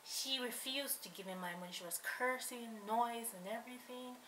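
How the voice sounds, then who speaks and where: A woman's voice: fairly high pitch, moderate pace, a bit bright, roomy sound, distant mic, slight background noise, rough recording. A woman telling a rambling storytime vlog, retelling a quarrel in quoted speech and repeating herself as she goes. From Canada. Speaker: vlogger.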